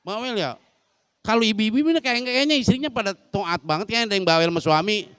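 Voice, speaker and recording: A man's voice: high voice, fast, a bit bright, clean tone, dry recording. A man teaching a humorous Islamic study lesson in a large mosque, joking and constantly quizzing the women listening. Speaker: religious teacher.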